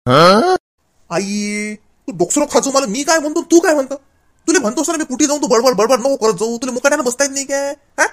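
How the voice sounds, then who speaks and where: A man's voice: very high voice, expressive, fairly bright tone. A man playing an exasperated adult son who scolds and lectures his mother in a comic sketch. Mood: scolding. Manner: scolding, lecturing, fast and impatient.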